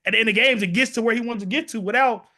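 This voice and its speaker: A man's voice: extremely high pitch, racing, pushed and bright. A man hosting a casual sports podcast, rambling through his points with many "you know" and "like" fillers.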